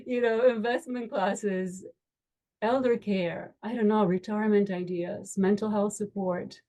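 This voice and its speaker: Steady and mellow at a medium pitch, the Romanian attorney on an education board speaks to a virtual community meetup through a video call. She sounds earnest and uplifting, delivering emphatic lists in a slow, deliberate way.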